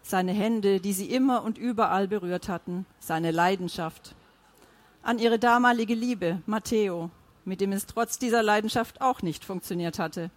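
At a medium pitch, a woman reads a novel in scripted audiobook narration, keeping her storytelling steady and measured.

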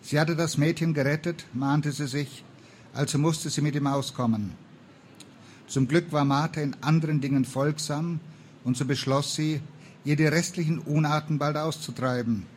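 A man reading a historical novel aloud in a calm, even storytelling manner. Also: fairly high pitch, moderate pace, a little hiss or hum. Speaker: reader.

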